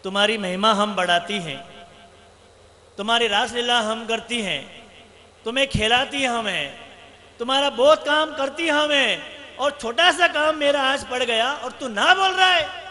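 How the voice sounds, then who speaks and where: A man's voice: very high voice, a little slow, pushed and bright, heavily acted. A man voicing a young village milkmaid who pleads for help and then scolds a mischievous boy, in a raised, emphatic voice. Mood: chiding.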